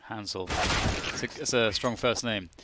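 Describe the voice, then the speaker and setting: A man giving live play-by-play commentary on a match, chatty and quick to laugh, with rambling asides. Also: lowish voice, whispered. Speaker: esports commentator. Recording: light background noise with game gunfire.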